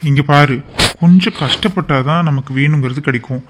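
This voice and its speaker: A man's voice: a little high, brisk, a little hiss or hum, close to an everyday voice. A man voicing a fretful, doting young cartoon husband at his wife's delivery. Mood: reassuring. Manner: fretful and gushing. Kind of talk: cartoon voice acting.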